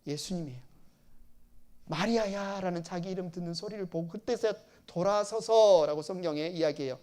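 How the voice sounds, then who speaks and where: A man with a high voice preaches a sermon at a fairly quick clip. He repeats phrases, questions the congregation, and acts out quoted lines with sudden loud bursts.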